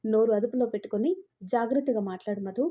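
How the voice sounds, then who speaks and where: A woman's voice: on the high side, fast talker, muffled recording, close to an everyday voice. A woman reading the part of a domineering, possessive young man who scolds and threatens. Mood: menacing. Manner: commanding, scolding.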